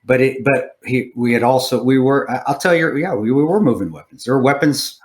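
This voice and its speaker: A man's voice: mid-range voice, fairly quick. Profane, rambling man hosting a podcast. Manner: profane, rambling storytelling with many restarts. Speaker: podcast host. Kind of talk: casual interview conversation.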